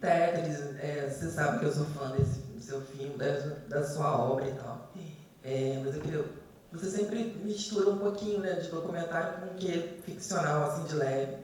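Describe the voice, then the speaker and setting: A man's voice: a little high, normal speed, a little mellow, slight background noise. A man in the audience asking a friendly, musing question at a panel after a screening. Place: screening hall. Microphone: distant hall microphone. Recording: echoey hall from far off.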